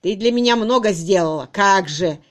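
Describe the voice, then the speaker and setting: A woman's voice: mid-range voice, lively intonation, normal speed, close to an everyday voice. A woman reading a cruel, sneering young male farmhand in an audiobook, harsh and mocking.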